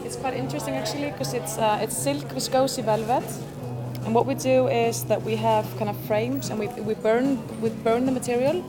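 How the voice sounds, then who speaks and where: Woman from Iceland, higher voice, eager, far from the mic, loud music. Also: fairly even intonation, normal speed. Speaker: fashion designer. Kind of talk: interview answer.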